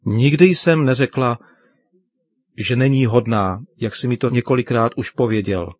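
A man's voice: medium pitch, dry recording, lightly acted. A man voicing a grieving, resentful teenage girl in a children's radio story, speaking in an indignant, protesting way.

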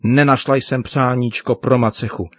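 A man's voice: mid-range voice, steady tone, a bit bright, no echo, natural voice. A man voicing a grieving, resentful teenage girl in a children's radio story, speaking in an indignant, protesting way. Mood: tearful, angry.

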